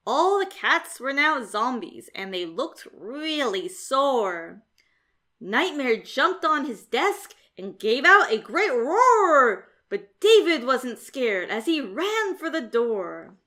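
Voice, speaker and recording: A woman serves as narrator for a rhyming children's storybook, her voice sitting high. The reading is expressive, theatrical, and carefully measured.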